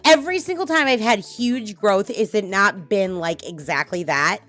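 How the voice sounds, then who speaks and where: A woman's voice: mid-range voice, normal speed, faint music behind. A middle-aged woman hosting a casual podcast, talking bluntly and swearing freely as she tells personal stories. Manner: blunt, swearing, animated storytelling. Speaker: podcast host.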